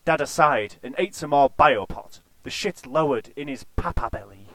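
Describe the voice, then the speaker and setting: A man reading an absurd, crude comic story in a deadpan way. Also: a little high, moderate pace, dry recording.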